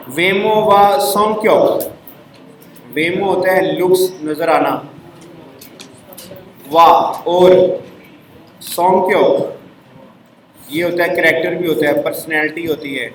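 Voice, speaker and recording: A man leads a classroom language lesson, going step by step and asking his students to repeat words back. His voice sits a little high for a man. The room is echoey, with a faint hum of background noise. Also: steady tone, moderate pace, a bit bright. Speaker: Korean language teacher.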